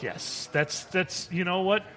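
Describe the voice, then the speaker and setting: A man's voice: high-pitched, lively intonation, slow, bright, forceful tone. A man hosting a podcast in casual comedic chat, joking and laughing often with his co-host. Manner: jokey, laughs often, playful banter.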